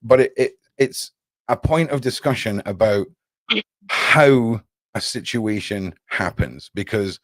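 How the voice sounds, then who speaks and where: A man hosting a casual live discussion, explaining his points haltingly with repeated words. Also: fairly low pitch, no echo.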